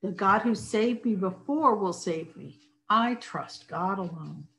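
A woman's voice: mid-range voice, animated, takes it slowly, fairly bright tone, poor audio. A woman voicing a bold, fearless young shepherd boy in a storybook reading, speaking in earnest, insistent exclamations. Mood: steadfast.

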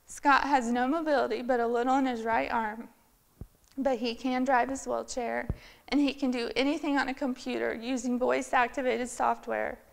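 At a women's event in a large church sanctuary, a middle-aged woman stands at the lectern and tells her story with earnest feeling. Her gravelly voice is on the high side, steady in tone and moderate in pace, and a far camera films her.

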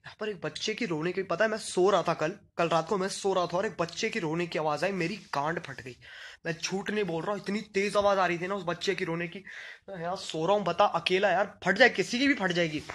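A man's voice: high-pitched, a little fast, a bit bright. A young man with a slight Punjabi accent, chatting casually and joking with viewers as he answers their comments on a live stream. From Delhi region, India. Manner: playful, joking banter.

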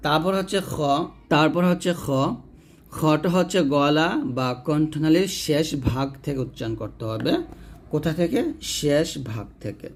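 A man's voice: on the high side, slight background noise. Patient man teaching letter sounds. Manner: slow, patient instruction, repeating each letter sound several times; asks questions and answers them himself. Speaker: Quran teacher. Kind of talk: step-by-step pronunciation lesson.

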